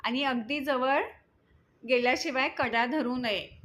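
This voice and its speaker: A woman's voice: sits high, slow pace, fairly bright tone. A woman voicing a patient young man who encourages a boy to swim. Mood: reassuring. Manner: patient, reassuring.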